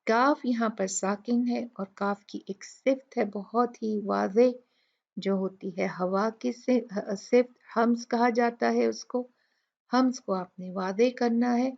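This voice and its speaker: Woman walking through recitation rules letter by letter, slow and a bit gravelly, dull lo-fi sound. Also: fairly high pitch, fairly even intonation, darkish tone. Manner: methodical, breaks words into letters and models slow recitation. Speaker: Quran recitation teacher. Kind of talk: tajweed tutorial. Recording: dull lo-fi recording.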